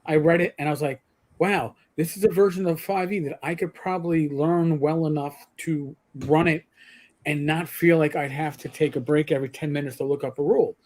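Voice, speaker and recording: A middle-aged man co-hosts a gaming livestream, rambling through casual chat with stammered restarts and the occasional swear. His voice is fairly high and darkish, with fairly even intonation and a brisk pace.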